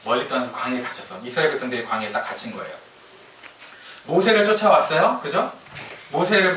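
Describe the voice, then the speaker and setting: A male pastor delivers a chatty, humorous sermon. His voice sits fairly high and sounds bright and forceful. The sound is distant and echoey, with faint noise behind it. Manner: chatty, humorous storytelling with laughs.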